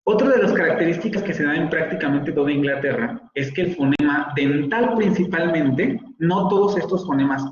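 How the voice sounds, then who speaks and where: Male teacher lecturing in a roomy room. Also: a little high. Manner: explains patiently, demonstrates sounds aloud. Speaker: university phonetics teacher. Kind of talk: online lecture. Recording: roomy, slightly dull video-call audio.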